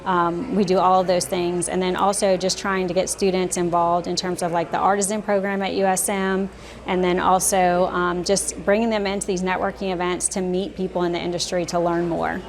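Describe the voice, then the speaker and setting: A woman leading a startup program, giving interview answers in a steady way with frequent ums. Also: fairly low pitch, a little fast. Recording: crowd chatter behind. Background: crowd.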